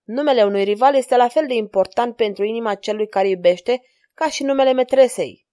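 A woman's voice: fairly high pitch, lightly acted. Woman voicing a flirtatious courtly king. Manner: courtly, flattering. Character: gallant amorous male king, courtly and flirtatious.

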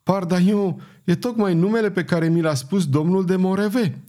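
A man's voice: high-pitched, mellow, pitched above the performer's own voice, natural voice. A man doing a terrified pleading ferryman. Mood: nervous. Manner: panicked, begging, breathless. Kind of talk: audiobook character voice.

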